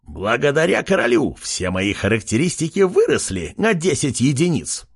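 A man voicing a boastful male pig-man warrior in a fantasy audiobook, his voice husky. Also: medium pitch, big pitch swings, moderate pace, no room sound, studio quality. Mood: excited shouting.

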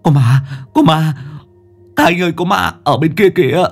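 A man's voice: a little high, normal speed, creaky, pitched above the performer's own voice. A man voicing a panicked young man screaming in terror. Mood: terrified.

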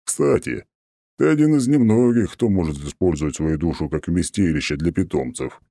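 A haughty ancient oak god speaks in a rumbling, extremely deep and dark voice, as a male narrator puts him on. He talks down with mocking condescension. The sound is dry and close. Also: expressive, moderate pace, creaky, no room sound, full character voice. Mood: smug, haughty.

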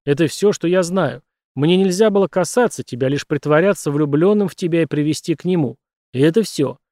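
A man reading an audiobook, voicing a menacing, brutal young man who speaks loudly and bluntly. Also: a little high, fairly quick, dry recording, clean studio sound, lightly acted. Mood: threatening. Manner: loud, blunt and threatening.

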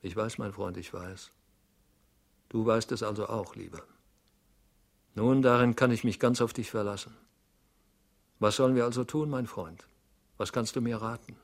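A nervous, fretful clerk in middle age, as a man reading a novel aloud puts him on, speaking in hushed, worried tones that sink into self-reproach. The voice sits low and quiet, like a storybook reading rather than a staged drama. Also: fairly even intonation, moderate pace, long pauses. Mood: anxious. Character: anxious fretful middle-aged male clerk. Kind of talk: audiobook reading.

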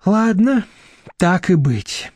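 A man's voice: high voice, sing-song, darkish tone, slightly rough, dry recording, heavily acted. A man reading a steely, commanding woman. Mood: stern. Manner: slow, cutting, steely. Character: stern middle-aged woman, shrewd and commanding.

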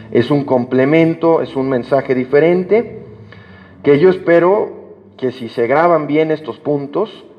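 A man preaching a sermon to a congregation, earnest and emphatic, rising in pitch to stress his points. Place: church hall. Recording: dull sound with long hall reverb.

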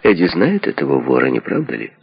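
A man's voice: extremely low pitch, wildly swooping pitch, fast, gravelly, husky, dry recording, heavily acted. A man voicing a sardonic, probing detective in a book reading. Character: cynical, mocking male detective. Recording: dull lo-fi recording.

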